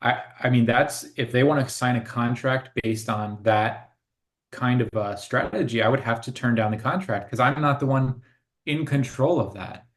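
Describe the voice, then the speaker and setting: A man's voice: mid-range voice, moderate pace. A man co-hosting a casual spiritual conversation, speaking in an earnest, reflective way and laughing often. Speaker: co-host.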